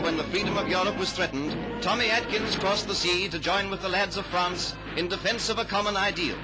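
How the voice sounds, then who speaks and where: Over loud music on a degraded 1930s newsreel track, a high-voiced man delivers narration that is stately, declamatory, and patriotic. Audio quality is poor.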